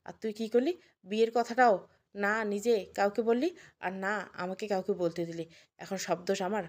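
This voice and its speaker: A woman's voice: medium pitch, steady tone, normal speed, a little mellow, close to an everyday voice. A woman voicing a pleading, stubborn young husband. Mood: reproachful. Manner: intense, pleading. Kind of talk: audio story acting.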